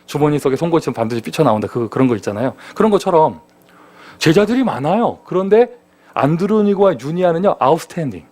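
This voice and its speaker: A man preaching a sermon as pastor, in a lively conversational manner full of rhetorical questions. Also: fairly high pitch, quick pace. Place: church sanctuary.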